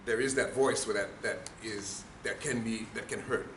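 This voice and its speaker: A man's voice: fairly low pitch, fairly even intonation, normal speed. A man giving a speaking workshop, emphatic and questioning the audience. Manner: emphatic, asks the room questions. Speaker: speaking trainer. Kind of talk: workshop lecture. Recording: echoey room, faint noise.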